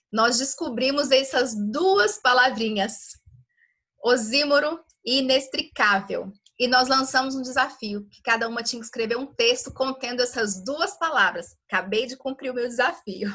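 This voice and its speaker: A woman's voice: fairly high pitch, sharp tone. A woman teaching a women's Bible study in a livestream, chatty and full of rhetorical questions. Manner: conversational, asks rhetorical questions, frequent "né?".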